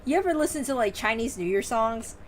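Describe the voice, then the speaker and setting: A woman's voice: a little high, expressive, fairly quick, slight background noise. A young woman streamer giving casual game commentary in a teasing, foul-mouthed, slangy way.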